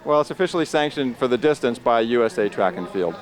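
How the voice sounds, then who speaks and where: A man co-hosting live coverage of a road race outdoors, explaining the course in a precise, measured, technical way. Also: mid-range voice, animated. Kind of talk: explanatory live broadcast commentary.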